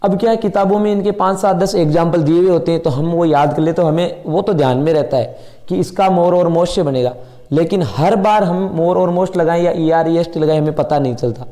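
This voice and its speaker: A man's voice: fairly high pitch, brisk, warm tone. A middle-aged man teaching an English grammar lesson in Hindi, explaining step by step and asking and answering his own questions.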